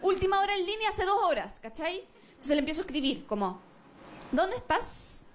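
A woman with a Chilean accent performing a stand-up comedy monologue, acting out both sides of a couple in lively storytelling. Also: very high-pitched, fast talker. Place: comedy stage with a live audience.

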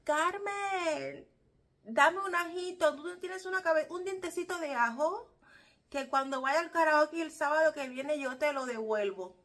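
A Cuban woman acting out a neighbor who shouts across to borrow some garlic. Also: high voice, measured pace, voice pushed up. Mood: pleading loud. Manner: calling out loudly from a distance.

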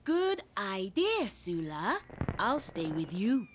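An actress voicing a gentle, motherly animal parent in a preschool cartoon, talking in an encouraging, lightly amused way. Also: medium pitch, sing-song, slow pace, slight background noise. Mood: kind.

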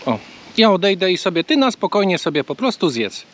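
A man's voice: high voice, sing-song, fairly quick, a bit bright, a little hiss or hum. A man casually vlogging from a bike trail outdoors, talking in a chatty, easygoing way. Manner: chatty, coaxing talk to a bird. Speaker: travel vlogger. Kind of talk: casual travel vlog.

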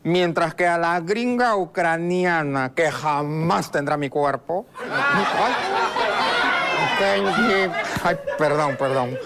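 A man's voice: lively intonation, slow pace, a loud crowd, very noisy. A man doing a whiny, dim politician's son. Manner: whiny, high-pitched, sighing "ay". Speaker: comedian. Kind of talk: sketch comedy impression.

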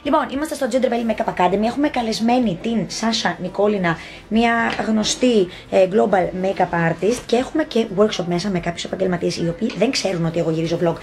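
A woman's voice: mid-range voice, a little mellow. A woman in her thirties chatting casually to camera for her vlog, playful and teasing, filming on a phone at her makeup academy. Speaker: vlogger, makeup academy owner. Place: busy makeup academy during a workshop. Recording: chattering crowd around. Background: crowd chatter.

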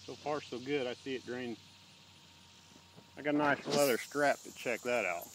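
A man's voice: mid-range voice, moderate pace. A man giving laid-back, matter-of-fact commentary outdoors while checking a fire hydrant, talking with a pipe in his mouth. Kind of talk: casual narration while working. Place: outdoors on a rural street. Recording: outdoor camera audio with clear insect noise. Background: crickets and insects outdoors.

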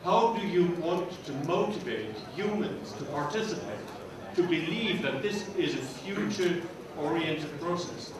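A man's voice: a little high, lively intonation, measured pace, a crowd in the background. An older man in a conference audience asks a panel a question into a handheld mic, speaking earnestly and stressing what is needed. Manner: earnest, declarative, repeats "we need". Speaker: audience member asking a question. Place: conference hall audience, indoors. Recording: echoey hall, distant mic, noise.

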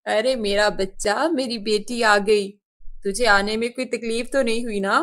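A woman's voice: on the high side, steady tone, measured pace, fairly bright tone. A woman voicing a cruel stepmother in a cartoon story, harsh and scolding. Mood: doting. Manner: harsh, scolding, fawning to her own daughter.

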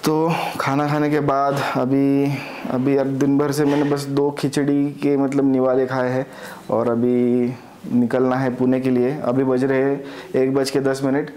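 A man's voice: medium pitch, monotone, measured pace, a little mellow. A man in his forties from India, vlogging casually on a lapel mic while feeling unwell, rambling with fillers. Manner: chatty, rambling, fillers like yaar. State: unwell, upset stomach. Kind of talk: casual travel vlog. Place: home, car, roadside eatery. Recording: noisy background, road and vehicle sounds.

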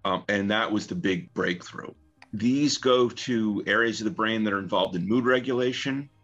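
A man being interviewed over the phone as a researcher, explaining in a relaxed way with frequent "uh" and "um" fillers. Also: on the low side, moderate pace, soft background music. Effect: talking over the phone. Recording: muffled phone-line sound.

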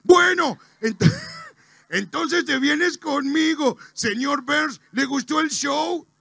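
A man's voice: very high-pitched, sing-song, slow pace, gravelly, bright, forceful tone, no echo, voice pushed up, heavily acted. A man voicing a bumbling, beer-loving cartoon father who sighs and slurs his words. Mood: dopey. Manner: slurred, sighing, dopey.

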